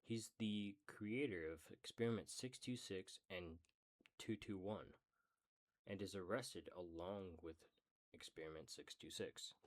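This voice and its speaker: Male streamer, reading aloud; deep-ish voice, slow and relaxed delivery, casual with profane asides. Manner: casual, swears in side remarks.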